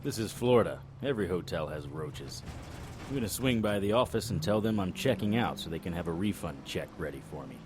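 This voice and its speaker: Speaking briskly over a noisy background, a low-pitched man with lively intonation portrays a middle-aged monster hunter given to wisecracks. He narrates an audio drama as a vampire hunter, with a wry, dry, sardonic, matter-of-fact delivery.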